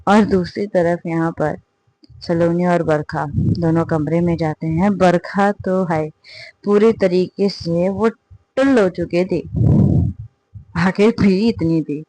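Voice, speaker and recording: A woman narrating a romance story in a relaxed, conversational way, repeating words and switching into the voices of her characters. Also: fairly low pitch, takes it slowly, no echo, rough recording.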